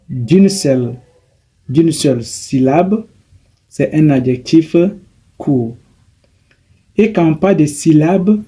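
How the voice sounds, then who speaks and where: A man teaching a grammar lesson, slowly and haltingly, repeating himself and correcting his as he goes. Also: on the high side, mellow, husky. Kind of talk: grammar lesson explaining English adjectives.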